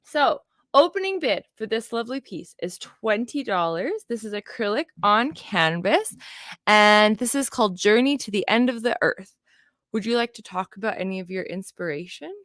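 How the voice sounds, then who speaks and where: A woman's voice: medium pitch, lively intonation, moderate pace, fairly bright tone, no echo, clean studio sound. A woman hosting a live auction, chatting casually in an effusive, exclamatory way. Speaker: auction host.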